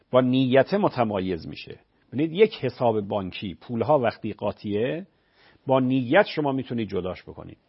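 A religious scholar answers callers on a radio call-in show, patiently explaining rulings with everyday examples. His medium-pitched voice is creaky and slightly rough, with big pitch swings, heard through a dull lo-fi radio broadcast.

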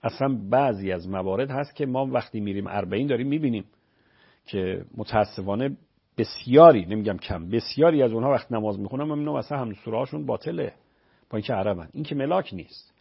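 A religious scholar on a radio call-in show patiently explains rulings to callers, using everyday examples. His voice is medium-pitched with lively intonation, vocal fry and a breathy edge. The broadcast sounds dull and lo-fi.

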